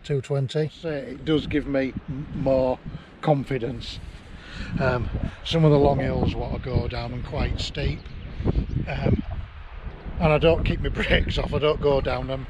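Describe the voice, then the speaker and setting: Riding along the cliff tops, a middle-aged vlogger from England narrates in a chatty, rambling way, chuckling often. His voice is mid-range and fairly even, a little slow. The audio comes from an action camera mounted on the handlebars or held near his face, with wind and outdoor noise.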